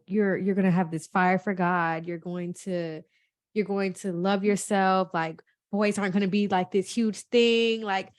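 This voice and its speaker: A woman's voice: medium pitch, dry recording. A woman, talking in a heartfelt, emotional way, close to tears. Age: 20s. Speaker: podcast co-host. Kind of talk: casual chat.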